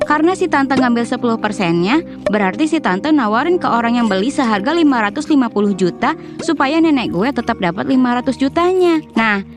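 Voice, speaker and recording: A woman narrating a family story in a chatty, slangy way, talking straight to her viewers. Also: high-pitched. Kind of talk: casual storytime narration over mukbang video. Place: voice-over.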